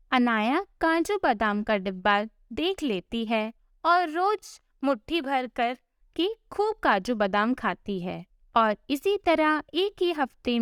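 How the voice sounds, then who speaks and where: High-voiced, slow female storyteller. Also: clean tone, no echo, clean studio sound. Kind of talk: scripted story narration.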